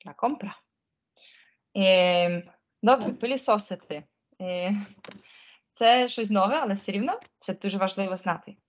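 A woman's voice: mid-range voice, moderate pace, lo-fi sound. A woman giving an online Spanish lesson in a chatty, informal way, often checking whether her students follow. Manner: frets about pressing buttons. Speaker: Spanish teacher.

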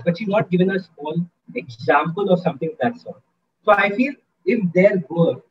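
A man's voice: high voice, muffled recording, a little hiss or hum. A man giving an interactive online lecture to students, upbeat and coaxing, often asking the audience questions. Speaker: guest speaker in a student workshop.

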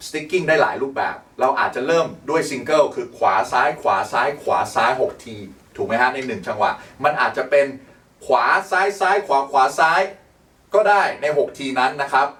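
A man's voice: medium pitch, expressive, brisk, few pauses, a bit bright. A man giving a casual drum lesson, friendly and counting beats aloud as he plays. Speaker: drum teacher. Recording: roomy sound, mic at a distance, drums behind.

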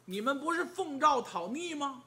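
A man voicing a sly, teasing male scholar in yellow robes who talks in a mocking, knowing way. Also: very high-pitched, animated, moderate pace, full character voice. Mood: instructive.

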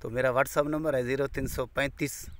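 A Pakistani goat farmer sells goats in a casual farm vlog, filming outdoors on a rural brick-paved farmyard with a phone camera he holds himself. He talks slowly and with fairly even intonation, giving a warm-hearted salesman's pitch and calling viewers "my dear brother." Goats bleat throughout the outdoor phone audio.

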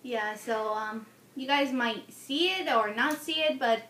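A woman's voice: on the high side, a little slow, a bit bright. A woman in her twenties chatting casually as co-host of a homemade video. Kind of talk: casual chat. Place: small room indoors. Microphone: tablet at arm's length. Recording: roomy echo, noisy tablet microphone.

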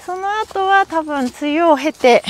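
A body-worn camera captures a middle-aged Japanese hiking vlogger chattering to herself as she makes her way uphill on a mountain trail outdoors. In this casual solo vlog her voice sits high and her pace is unhurried.

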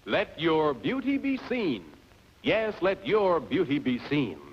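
A man's voice: fairly high pitch, big pitch swings, takes it slowly, a little hiss or hum. A man announcing a soap commercial with earnest, assured claims, heard as old 1950s TV broadcast audio. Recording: dull lo-fi vintage TV soundtrack.

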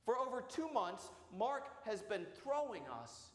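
A man, a priest, preaching a storytelling sermon in a booming voice. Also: animated, unhurried. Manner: acts out voices in quoted dialogue. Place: church sanctuary. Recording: roomy church reverb.

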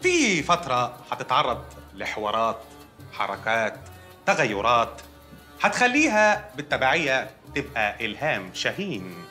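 A man with an Egyptian accent playing a deadpan hospital doctor who speaks in a flat, matter-of-fact way. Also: mid-range voice, normal speed, faint music behind. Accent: Egyptian Arabic. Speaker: actor.

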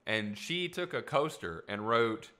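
Using a studio mic in a small home room, a young man hosts a casual solo podcast in a medium-pitched, expressive voice. His delivery is measured, bright, and forceful, even as his voice grows slightly tired. He talks in a rambling, reflective way, full of fillers.

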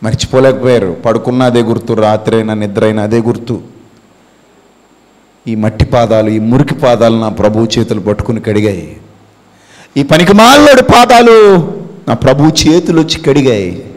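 A man preaching an impassioned sermon with a Telugu accent, swinging from hushed tones to shouts and acting out quotes. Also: fairly low pitch, fairly quick. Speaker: pastor. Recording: long hall reverb.

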